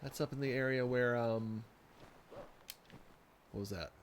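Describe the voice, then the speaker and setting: A man's voice: mid-range voice, fairly even intonation, a little slow, slight background noise. A man streaming a video game, making self-mocking jokes as he plays. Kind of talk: gameplay commentary.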